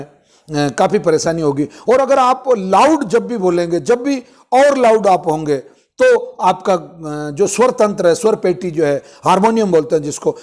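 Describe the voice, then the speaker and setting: High-voiced man giving a health talk. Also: a little mellow. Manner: explains step by step with many pauses and fillers. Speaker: Ayurvedic health presenter. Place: ashram.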